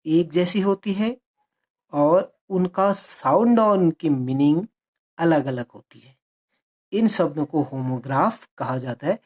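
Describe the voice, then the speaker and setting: A woman with an Indian accent teaching terms for an exam. She drags out English definitions slowly, explains faster in Hindi, repeats key words and asks rhetorical questions. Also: lowish voice, darkish tone. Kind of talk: exam-prep lesson.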